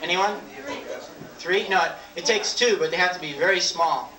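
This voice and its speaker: A young man with a high-pitched voice performs stand-up in a halting, offhand manner. He is heard from a distance in a roomy venue on an old videotape, with a noisy audience around him. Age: 20s. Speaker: stand-up comedian. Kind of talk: live stand-up comedy with props. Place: small dark theatre stage with audience. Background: audience laughter and crowd noise.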